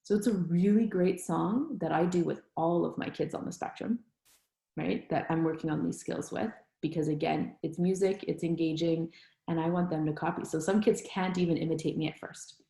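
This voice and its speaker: A woman with a deep, gravelly, warm voice leads a child therapy staff training at a moderate pace and fairly even intonation. Chatty and explanatory, she keeps checking in with her audience, while the room echoes and faint music plays.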